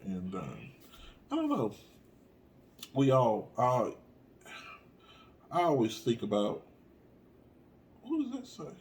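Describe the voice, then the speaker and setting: A man with a gravelly voice co-hosts a podcast, joking and playful. His pitch swings widely as he talks. Faint noise sits behind him. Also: wildly swooping pitch, slow, long pauses, darkish tone. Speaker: podcast co-host. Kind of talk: casual chat.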